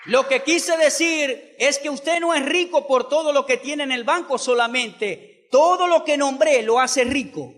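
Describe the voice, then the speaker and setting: A male pastor delivers a sermon in a strikingly high voice. He preaches with passion, tossing rhetorical questions at his congregation. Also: fairly bright tone.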